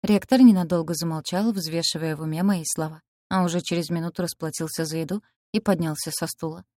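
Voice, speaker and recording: A woman's voice: low-pitched, fairly even intonation, brisk, dark tone, no echo, studio quality. A woman reading a first-person fantasy novel aloud, giving the characters light voice shifts as she narrates. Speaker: audiobook narrator.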